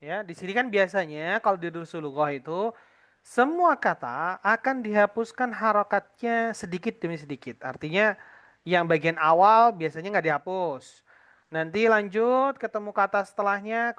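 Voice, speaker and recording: A man teaching an Arabic lesson to adult students, patiently explaining and slowly repeating each word for the class. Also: sits high, bright, forceful tone, clean tone, highs cut off.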